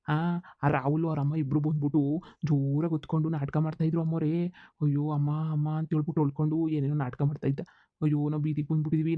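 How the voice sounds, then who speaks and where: Man voicing a fast-talking tattling farm servant. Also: fairly high pitch, no room sound, phone-quality sound, natural voice. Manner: deferential, tattling, rapid. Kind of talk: cartoon comedy dubbing.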